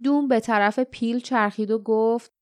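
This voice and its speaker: A woman narrating an audiobook in a calm, measured storytelling manner, close to the microphone. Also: fairly high pitch, clear, resonant tone, dry recording.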